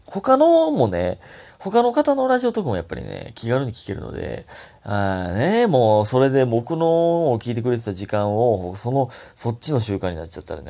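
Young kansai guy, hoarse gravelly low voice, swings way up high when excited. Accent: Kansai Japanese. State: hoarse throat. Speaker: comedian podcast host. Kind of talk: casual solo talk.

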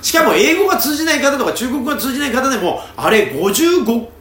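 High, lively chatty man in a roomy space. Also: quick pace. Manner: animated, chatty storyteller. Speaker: podcast host. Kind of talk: casual chat. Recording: roomy with faint background noise.

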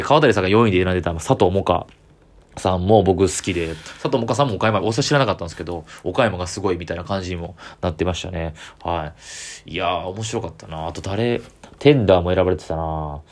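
A man with a low voice and a Kansai accent talks briskly on his own as a comedian podcaster. His solo casual chat rambles along with easy enthusiasm.

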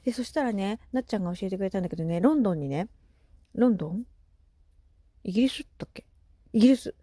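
A woman in her thirties chatting casually on her solo podcast, animated and laughing often, with soft asides. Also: medium pitch, quick pace, dry recording, studio quality. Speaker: podcast host.

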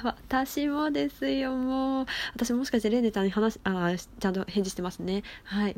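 A woman hosting her own casual talk show, chatty and excitable, often laughing and gushing as she reads out messages from listeners. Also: medium pitch. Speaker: solo talk show host. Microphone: phone app recording.

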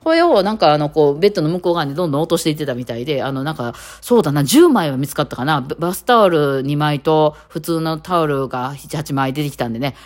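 Expressive and a little mellow, her low voice moves fast as she rambles through a casual solo podcast chat packed with fillers. The host hails from Osaka's Kitakawachi area in Japan and speaks with a Kansai, Kitakawachi-dialect accent.

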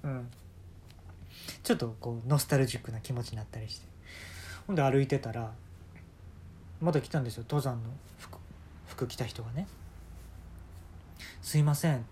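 A man's voice: medium pitch, moderate pace, long pauses, a little hiss or hum. A man with a Kansai accent telling a comic story alone, throwing in snappy retorts. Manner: snappy comeback-style retorts, animated.

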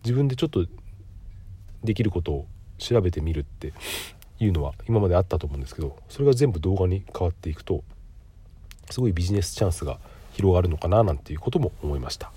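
Low, nasal middle-aged man with a cold. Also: lively intonation, fast, dark tone, slightly rough. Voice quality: nasal, stuffy voice. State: congested with a cold. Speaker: podcast host. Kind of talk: casual solo monologue with frequent filler pauses.

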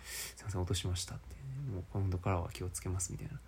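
A young man with a Kansai accent, rambling through a casual, self-mocking solo podcast in a low voice. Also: monotone, fast talker, darkish tone, a little hiss or hum. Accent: Kansai Japanese. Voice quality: low speaking voice.

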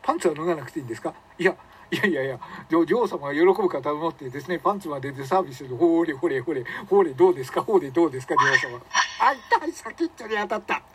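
A man's voice: on the high side, lively intonation, racing, fairly bright tone, a little hiss or hum, pitched above the performer's own voice. A man playing a groveling man who whimpers and begs his queen in a comedy skit. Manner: whimpering, overly eager.

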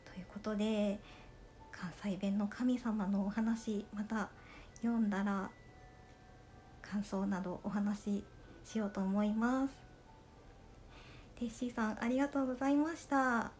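A woman from Okayama with a Kansai accent, hosting a casual solo podcast and chatting gently and politely to her listeners. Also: mid-range voice, fairly even intonation, a little slow, long pauses, slight background noise. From Okayama, Japan. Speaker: podcast host reading listener letters.

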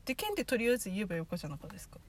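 A woman's voice: medium pitch, sing-song, very fast. Playful young woman, noisy line. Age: young adult. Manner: playful, shows off the rough dialect, chuckling. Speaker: podcast co-host. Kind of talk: casual chat among friends. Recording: background noise.

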